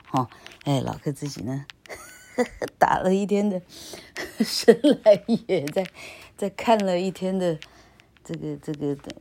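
A middle-aged woman with a low, mellow voice teaches English grammar on her podcast. She's casual, chatty and rambling, tagging her sentences with "ha."

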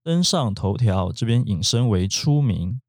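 A man's voice: fairly low pitch, unhurried, no echo, studio quality. A man hosting a casual podcast, steadily prompting his co-host and guiding the segment. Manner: steady backchanneling, guides the segment.

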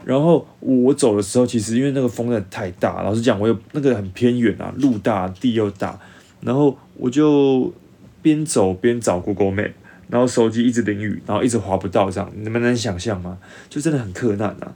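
Low-voiced young Taiwanese man storytelling. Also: brisk, creaky, breathy edge. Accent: Taiwanese Mandarin. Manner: animated, acts out dialogue in changed voices. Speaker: vlogger. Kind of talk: casual storytelling to camera.

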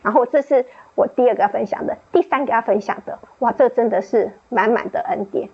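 A woman tells a personal faith story at a book club, her voice fairly high and a bit husky. She rambles, starting over often and filling gaps as she goes. The recording sounds dull and lo-fi. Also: fairly quick. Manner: rambling storytelling with many restarts and fillers; laughs often, rising high when laughing. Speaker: book club member sharing testimony. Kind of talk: personal testimony in casual chat.

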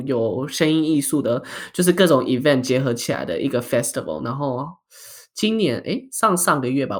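A woman chatting casually in Mandarin, often slipping English words and phrases into her sentences. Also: very deep voice. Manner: code-switches into English mid-sentence.

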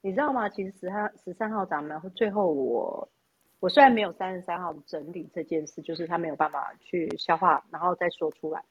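A woman's voice: fairly low pitch, a little fast, slightly rough, muffled recording. A woman with a Taiwanese Mandarin accent, chatting casually and now and then dropping in English words. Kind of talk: casual chat.

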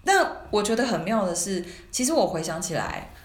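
A woman's voice: medium pitch, very animated, a little fast. A woman hosting a podcast in casual chat, often laughing and chiming in with short agreements. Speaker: podcast host. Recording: echoey room with faint hiss.

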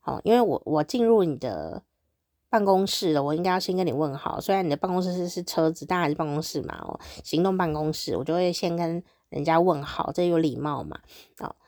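Speaking low, animated and a little fast, a woman with a Taiwanese Mandarin accent hosts her own show, spinning casual everyday stories. Her tone is mellow, and she comes across as chatty, cheerful and easily amused. It's a dry, studio-quality recording.

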